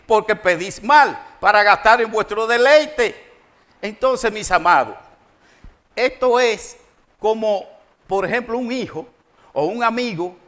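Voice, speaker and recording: High-voiced preacher, emphatic sermon. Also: male voice, fairly bright tone. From Dominican Republic. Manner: emphatic preaching, rising and falling in volume, addresses congregation directly. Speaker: pastor. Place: church.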